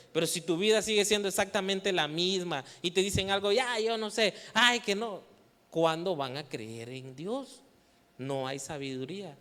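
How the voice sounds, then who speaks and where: Teasing preacher in a reverberant church. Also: male voice, fairly high pitch. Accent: Mexican Spanish. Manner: asks the audience questions and waits for answers; lively, teasing, playful with the youth. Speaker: youth preacher. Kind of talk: sermon. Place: church hall.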